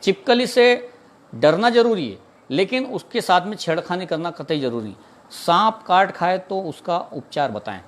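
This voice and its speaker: A man's voice: sits high, big pitch swings, moderate pace. A man from India, a snake catcher, earnestly explaining in an informal talk, repeating himself and mixing in English words. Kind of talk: informal talk answering a viewer's question.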